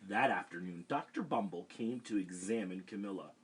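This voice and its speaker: A man reading a picture book aloud to children over a livestream, with gentle chatty asides. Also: sits low, normal speed, slightly rough. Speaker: storytime reader for children. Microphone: webcam livestream.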